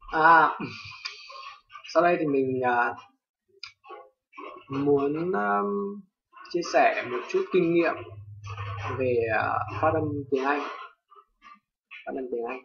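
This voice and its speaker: A young man from Vietnam with a Vietnamese accent, casually teaching English pronunciation, hesitant with many fillers and loudly repeating example words. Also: a little high, gravelly. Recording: distant lo-fi home recording.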